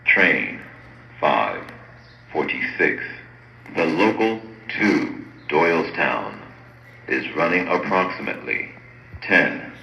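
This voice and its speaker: A man giving a slow, measured public address announcement over a train station loudspeaker. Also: a bass voice, big pitch swings, gravelly. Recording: echoey distant loudspeaker with background noise.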